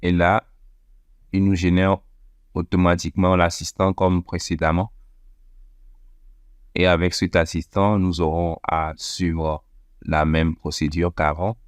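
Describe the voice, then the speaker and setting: A tech tutorial presenter with a very low, smooth voice guides viewers through a screen-recorded software walkthrough one click at a time. His delivery is flat, step-by-step and methodical, with frequent pauses on fillers. The recording is dry and close, with no room echo.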